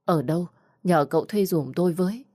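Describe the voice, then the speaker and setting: A woman's voice: fairly low pitch, brisk, dark tone, no room sound, clean studio sound, close to an everyday voice. Woman voicing a nervous fugitive woman in her fifties, audio story. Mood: pleading. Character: frightened runaway woman over fifty, pleading.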